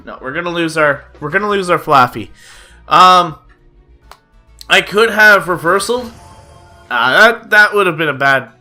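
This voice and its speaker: A young man with a fairly high, bright, forceful voice commentates a card game play by play in a chatty gaming-video style. His cold makes him slightly nasal, he uses many "uh" fillers, and music plays behind him.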